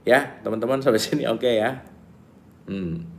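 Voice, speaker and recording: A man's voice: mid-range voice, measured pace, gravelly. A middle-aged man leading a casual book study, reading passages and then explaining them in a chatty, playful way, repeating key lines and acting out little everyday scenes.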